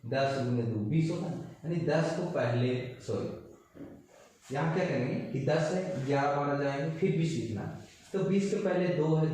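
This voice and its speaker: A man's voice: on the high side, warm tone. Man teaching in a very echoey room. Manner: asks the class and answers himself; repeats each word slowly. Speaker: Japanese language teacher. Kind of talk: classroom lesson. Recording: echoey, mic far off.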